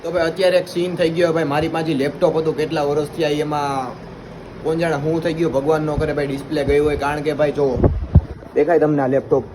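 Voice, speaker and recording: A man's voice: fairly high pitch, little pitch movement, fast talker, background noise. A young man with a Gujarati accent, chatting casually to viewers in a vlog. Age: young adult. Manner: chatty, addresses viewers as guys. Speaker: vlogger.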